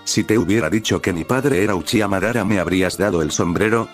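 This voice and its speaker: A calm young ninja with a wry edge, read by a man in his own deep voice. The lines come in an even, unhurried storybook tone, low and steady, with faint music in the background. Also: lightly acted.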